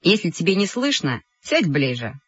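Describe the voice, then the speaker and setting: A woman voicing an earnest boy who runs a class meeting in a stern, measured way, on a dull audiobook recording with faint music. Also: fairly low pitch, very animated, husky, no echo.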